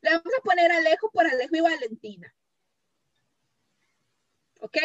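High-voiced Costa Rican woman telling a story. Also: normal speed, no echo. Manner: animated, slangy storytelling. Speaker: co-host. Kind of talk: casual chat storytelling. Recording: dull, dry sound.

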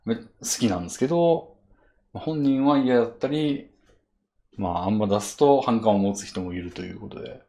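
A man's voice: medium pitch, a little fast, gravelly, warm tone. A man with a Kansai accent hosting a casual chat podcast, enthusiastic and laughing often. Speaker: podcast host.

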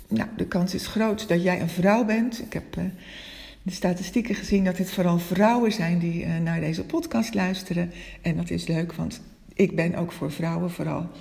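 A woman coach hosting her own podcast who speaks gently and openly in a reflective monologue, stutters now and then, and swaps in other words. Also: lowish voice, gravelly, in a large hall.

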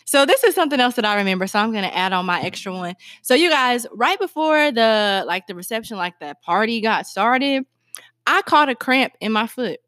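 A young woman co-hosting a podcast, telling stories in an animated, dramatic way. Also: fairly high pitch, fairly quick, no room sound, clean studio sound. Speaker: podcast co-host. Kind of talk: casual chat.

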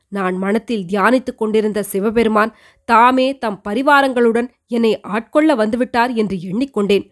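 A woman's voice: medium pitch, voice pushed down, natural voice. A woman voicing an elderly, devout queen mother who earnestly recounts her past to her son in an audiobook reading. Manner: earnest, measured storytelling. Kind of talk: audiobook reading of a historical novel.

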